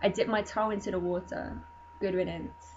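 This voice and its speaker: Woman, spoken word poet, deadpan, measured delivery, muffled sound, faint hum. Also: medium pitch. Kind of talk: spoken word poetry reading.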